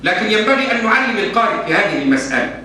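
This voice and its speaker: A man's voice: high-pitched, big pitch swings, racing, pushed and bright. A man with an Egyptian accent answering religious questions in a lesson, emphatic and mixing formal and colloquial speech. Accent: Egyptian Arabic. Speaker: Islamic scholar answering questions. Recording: echoey hall from far off, faint hum.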